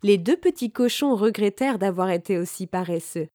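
A woman reading a children's fairy tale aloud in a calm, clear, measured way. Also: medium pitch, slight background noise. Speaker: storyteller.

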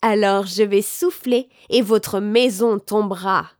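A woman voicing a hungry, menacing big bad wolf in a storybook reading, calling out in a loud, drawn-out way. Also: high voice, sing-song, no echo, studio quality, pitched above the performer's own voice. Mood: threatening.

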